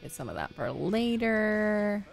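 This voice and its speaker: A thirties-aged woman livestreaming a game talks slowly in a mid-range, creaky voice that is very animated. Soft music plays underneath as she chats cheerfully with viewers, laughs a lot, and keeps saying "like" and "you know."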